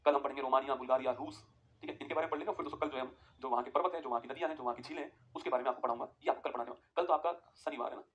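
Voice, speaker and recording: Fast-talking male online teacher. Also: medium pitch, steady tone, a bit bright, lo-fi sound. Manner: repetitive, keeps asking "ठीक है?"; addresses students as friends, gives dictation. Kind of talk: live online class lecture.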